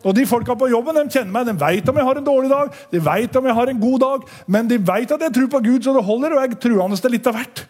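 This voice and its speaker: A man with an unusually high voice delivers a testimony sermon to his congregation. He is animated and folksy, stresses his words hard and now and then breaks into a shout. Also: hardly any pauses, slightly rough. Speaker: lay preacher giving a testimony. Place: church meeting hall.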